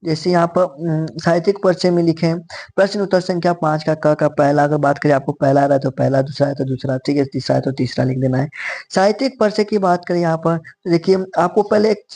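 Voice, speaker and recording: A man's voice: on the high side, fairly even intonation, a little mellow. A man with a sore throat teaching an exam-prep lesson, talking casually and often repeating "theek hai". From north India. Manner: casual, repeats "theek hai" and "bhai", reads verse slowly.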